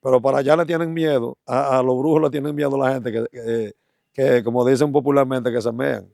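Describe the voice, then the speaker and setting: A man telling a testimony as an evangelist, halting often and repeating words as he talks. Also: medium pitch, gravelly, dry recording, studio quality. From Dominican Republic. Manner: halting, stammering repetitions, animated. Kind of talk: testimony storytelling.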